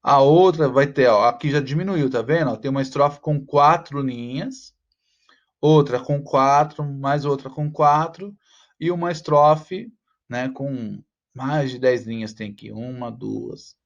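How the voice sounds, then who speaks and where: A male teacher explains an assignment in a mid-pitched, patient voice, tagging nearly every phrase with a checking "tá?". He stretches words out slowly when pointing out rhymes. The recording is slightly dull and lo-fi. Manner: frequent "tá?" check-ins, slows to spell out rhymes. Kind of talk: online class walkthrough.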